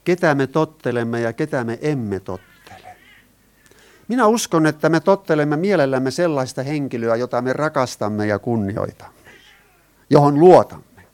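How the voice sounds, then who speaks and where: A man's voice: medium pitch, expressive, darkish tone, clean tone. A man preaching a sermon. He talks in an earnest way, asks his listeners questions and explains Greek words.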